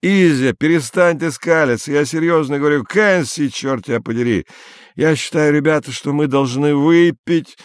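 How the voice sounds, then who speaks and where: A man voicing a young Soviet scientist who speaks in a loud, heated, insistent way in a storybook reading. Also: a little high, expressive, unhurried, dry recording, studio quality, pitched above the performer's own voice.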